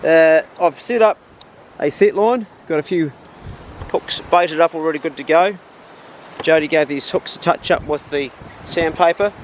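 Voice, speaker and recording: A man's voice: a little high, normal speed, slight background noise. A man with a broad New Zealand accent, chatting casually to camera as a vlog host in a laid-back, slangy, blokey way.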